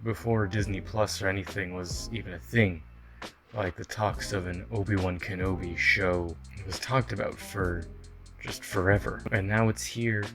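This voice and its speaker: A man hosting a late-night reaction video, talking in a hushed, mock-seductive narrator voice with blunt, sardonic remarks. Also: fairly low pitch.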